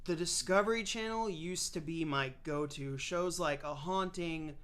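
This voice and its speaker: A man's voice: fairly high pitch, a little slow, fairly bright tone, smooth. A young man co-hosting a casual podcast, enthusiastic and nostalgic, often saying "dude". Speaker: podcast co-host. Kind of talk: casual chat.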